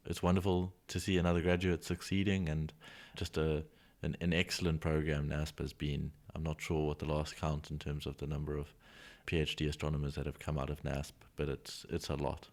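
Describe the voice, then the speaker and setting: A man's voice: a bass voice, darkish tone. A man co-hosting a science podcast, explaining things at length in a casual way with many small restarts. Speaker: podcast co-host.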